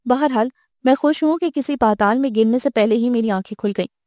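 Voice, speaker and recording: Bitter young wife, voiced by the woman reader; mellow, dry, slightly high voice. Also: dry recording, lightly acted. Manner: cold, cutting. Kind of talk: audiobook character voice.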